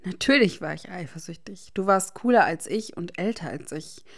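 A woman voicing a guarded, sharp-tongued teenage wizard boy with a dry, teasing manner. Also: on the low side, animated, normal speed.

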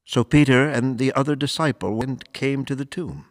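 A man reading scripture and preaching as clergy, solemn and deliberate, with measured pauses. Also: medium pitch, no echo, studio quality. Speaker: priest or deacon reading the Gospel and preaching. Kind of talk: liturgical scripture reading and homily.

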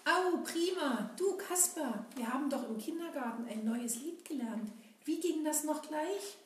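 A woman's voice: high-pitched, animated, measured pace, pitched above the performer's own voice. A woman voicing an eager young boy who has been waiting for his friend, in a children's puppet play. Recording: echoey room.

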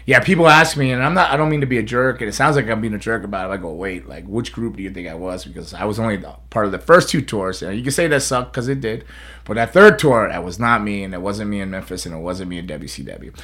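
A man's voice: lowish voice, fast talker, fairly bright tone. A man hosting a casual chat in a rambling storyteller's way. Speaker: podcast host, pro wrestler.

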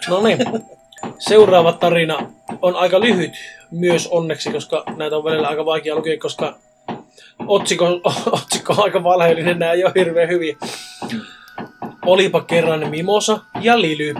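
A man's voice: fairly high pitch, music in the background. A man co-hosting a casual podcast, reading stories and joking around with frequent swearing. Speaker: podcast co-host. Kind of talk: casual chat and story reading.

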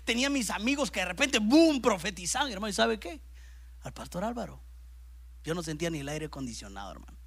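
A man preaching a sermon as pastor to a congregation in a church service. He is animated, swinging between loud bursts and hushed asides, and keeps calling his listeners brother. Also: sits high, fast talker, vocal fry, husky.

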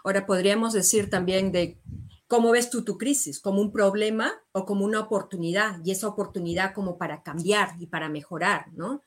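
A woman's voice: mid-range voice, fairly even intonation, a little fast. Woman host steering a podcast chat. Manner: affirming, steering questions. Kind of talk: conversational podcast talk.

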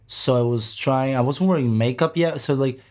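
A man's voice: medium pitch, moderate pace, a little mellow. A man from Greece hosting a music show, chatting casually between songs in a rambling way, with lots of fillers and casual swearing. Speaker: radio show host.

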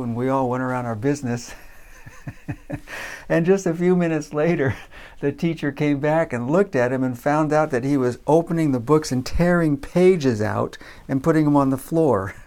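A man telling a personal story in a relaxed, casual way, with frequent fillers. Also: mid-range voice. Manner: relaxed, many uh fillers, acts out voices in quotes.

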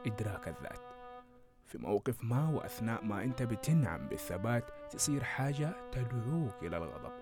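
Man hosting a reflective podcast over guitar. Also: on the low side. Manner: calm, explanatory storytelling. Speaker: podcast host. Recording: guitar music behind voice. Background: guitar music.

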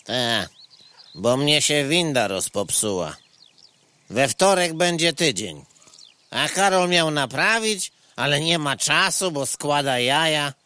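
A man playing a courteous, homely rustic snail in a comic radio play, rambling along in a folksy, unhurried way. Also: fairly high pitch, lively intonation, bright, forceful tone, clear, resonant tone, exaggerated voice.

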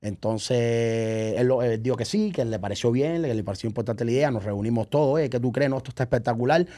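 Fairly quick and mellow, with a medium-pitched voice, a man tells animated stories as a guest on a podcast, where he also promotes events. The chat is casual; he performs the dialogue he remembers and keeps making sure his listener keeps up.

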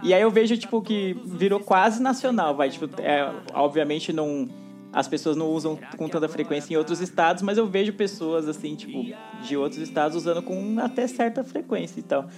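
A man with a São Paulo accent, hosting a podcast in casual chat, relaxed and full of fillers. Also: fairly high pitch, fairly quick, soft background music. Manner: relaxed, laughing, many fillers. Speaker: podcast host.

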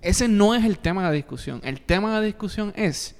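A man's voice: high-pitched, expressive, moderate pace, a little mellow. A man with a Puerto Rican accent debating informally and insistently, often repeating his points. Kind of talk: heated informal debate, Spanish mixed with English. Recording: echoey hall-like reverb.

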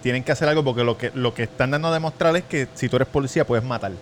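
A man with a Puerto Rican accent co-hosting a casual podcast chat, loud and animated, swearing freely and sometimes shouting. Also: mid-range voice, racing, slight background noise. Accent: Puerto Rican Spanish. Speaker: podcast co-host.

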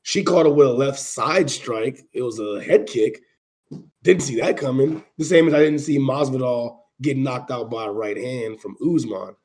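Mellow-voiced man hosting a sports panel. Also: medium pitch. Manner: halting, repeats and restarts phrases. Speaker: panel host. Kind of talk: casual sports panel discussion of MMA.

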